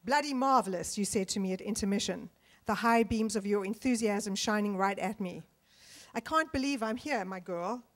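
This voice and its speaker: A woman from South Africa reads from her novel on a panel stage, speaking into a handheld microphone. Between passages she talks haltingly with many ums and uhs. The sound is of a large auditorium. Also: mid-range voice. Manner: hesitant, filler-heavy between readings. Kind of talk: literary reading on a panel. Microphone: handheld mic.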